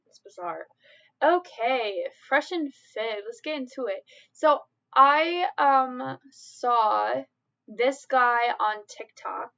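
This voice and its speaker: A young woman with a Michigan accent chats loosely on a live stream, rambling from one thought to the next and breaking into giggles. Her voice is bright and a little high, and she takes her time with every sentence. The audio sounds slightly dull, like a typical stream mic. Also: slow pace, creaky. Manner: giggly, rambling, easily amused. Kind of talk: casual live-stream chat.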